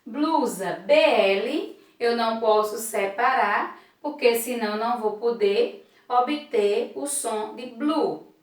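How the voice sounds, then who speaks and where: Brazilian woman teacher going slow and careful over syllables, kinda high voice, sounds far off in a big echoey room. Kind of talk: recorded classroom lesson.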